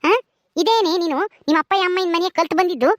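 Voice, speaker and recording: A woman's voice: extremely high pitch, quick pace, a little hiss or hum. A woman playing a bitter, proud village mother-in-law who taunts and sneers. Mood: scornful. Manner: sneering, taunting, mocking laughter.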